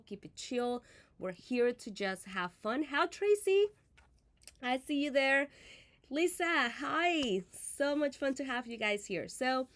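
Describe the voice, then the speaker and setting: Chatty woman. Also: on the high side. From Venezuela. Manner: friendly, chatty, many fillers and restarts. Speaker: host of a live crafting stream. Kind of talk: casual live-stream chat.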